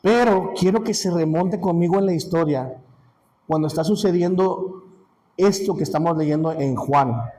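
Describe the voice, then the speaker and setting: A man with a Mexican Spanish accent teaching a Sunday school class in a casual, halting way, full of restarts and check-ins with his listeners. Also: a little high, warm tone, rough recording.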